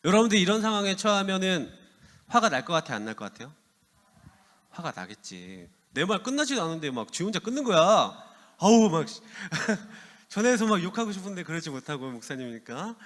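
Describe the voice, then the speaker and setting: A man's voice: high voice, fairly bright tone. A man in his thirties, a youth pastor giving a playful, casual sermon that asks the teens questions. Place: church hall. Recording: long hall reverb.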